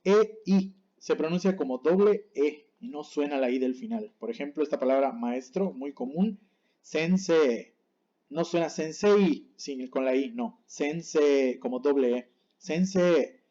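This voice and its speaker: A man teaching a language lesson, patiently saying each word slowly and then again to contrast the right and wrong way, and often checking that his class follows. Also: medium pitch, dark tone, highs cut off. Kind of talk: explaining Japanese pronunciation on screen.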